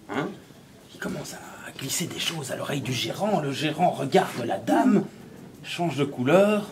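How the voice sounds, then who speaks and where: A man's voice: on the high side, background noise. A man with a Brussels French accent telling a folk tale with chatty asides to his audience. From Belgium. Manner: lively, chatty, full of asides to listeners. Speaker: storyteller. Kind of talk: oral storytelling performance.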